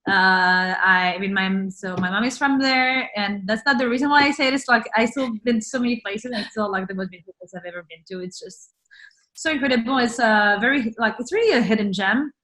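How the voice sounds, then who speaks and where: Over a rough recording, a French woman's fairly high, bright voice comes across forcefully and a little fast. As a guest on a video call she chats casually, filling her speech with "like" and "uh" and laughing easily.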